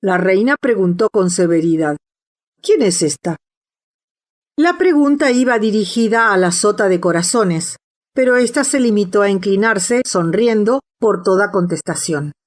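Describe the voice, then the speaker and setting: A woman reading a classic children's novel aloud as an audiobook narrator, in a steady, measured way. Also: mid-range voice. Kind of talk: scripted storybook narration.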